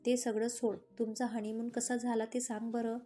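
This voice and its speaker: A woman's voice: a little high, little pitch movement, moderate pace, warm tone, soft background music, natural voice. A woman voicing a playful, affectionate young woman in a romantic audio story.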